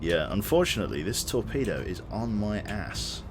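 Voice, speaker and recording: A man's voice: lowish voice, big pitch swings, moderate pace, noisy background. A man giving gameplay commentary and spoken commands, muttering to himself and swearing. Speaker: gamer commentating on own play.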